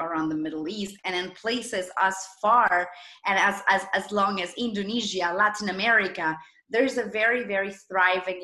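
A woman's voice: medium pitch, pushed and bright, echoey room. A woman in her thirties from Argentina, a startup founder telling her story as an interview guest with eager enthusiasm. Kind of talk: video interview.

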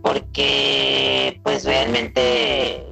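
A Mexican woman talks candidly and laughs easily on a video call. Her voice sounds robotic and glitchy because the connection keeps breaking up. It is very gravelly and swings widely in pitch, with faint music behind her. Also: wildly swooping pitch, extremely slow, pushed and bright, poor audio. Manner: candid, chatty, laughing often. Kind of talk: casual chat on a recorded conversation.

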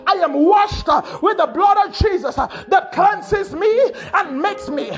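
A man leading a fervent prayer, shouting short repetitive phrases with an "uh" before nearly each one. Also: very high voice, animated, measured pace. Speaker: prayer leader.

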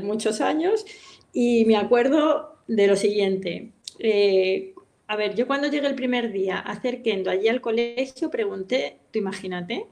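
A middle-aged woman, a guest in a casual interview, telling stories in a lively way and laughing often. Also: medium pitch. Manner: lively storyteller who acts out other people's voices and laughs often. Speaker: interview guest, kendo practitioner. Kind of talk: casual anecdotal chat.

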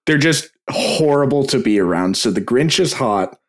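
A man's voice: mid-range voice, animated, moderate pace. A man co-hosting a podcast, chatting casually and laughing often. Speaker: podcast co-host. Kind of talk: casual comedic chat.

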